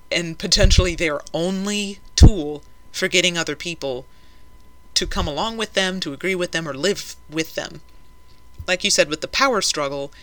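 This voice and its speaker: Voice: medium pitch, pushed and bright. A podcast co-host in casual conversation, thinking aloud with a playful, joking manner.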